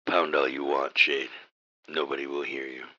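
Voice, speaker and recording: Very deep, menacing theatrical villain mastermind. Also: male voice, flat delivery, normal speed, muffled recording, heavy background noise. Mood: smug menace. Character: pompous, exasperated male villain mastermind of evil professorial henchmen. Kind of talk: comic radio drama acting.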